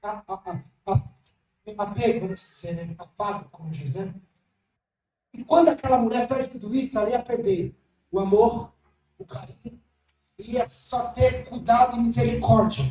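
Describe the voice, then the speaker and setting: A man preaching an impassioned sermon, moving between sudden shouts and hushed asides. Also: high-pitched, normal speed, a little hiss or hum. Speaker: pastor. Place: church hall. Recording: echoey church hall, mic at a distance, faint music.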